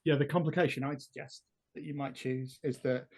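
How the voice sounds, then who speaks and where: A man's voice: mid-range voice, little pitch movement, brisk, creaky, a little mellow, breathy edge. A man playing a tabletop role-playing game, thinking aloud as he builds the scene step by step. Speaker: player. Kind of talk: tabletop role-play storytelling.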